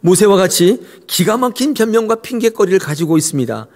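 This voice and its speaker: Male pastor, sermon, lively pitch, slightly high voice, long church hall reverb. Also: a little fast. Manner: expressive preaching, addresses the congregation directly.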